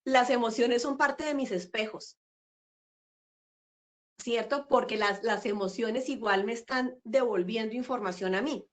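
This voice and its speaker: Joining an interview by video call, a middle-aged woman talks in a fairly high-pitched voice and a measured rhythm. She's warm and thoughtful in this casual chat, laughing and using fillers often.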